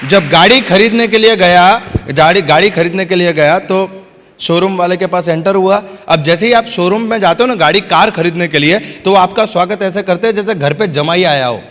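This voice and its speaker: Guy doing a motivational seminar, keeps asking the crowd yes or no, funny storyteller, pretty high voice, long hall echo. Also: normal speed. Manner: energetic, repeatedly asks the crowd "yes or no"; storytelling with acted-out dialogue and humor. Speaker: motivational business trainer. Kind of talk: motivational seminar talk to a live audience. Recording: hall reverb.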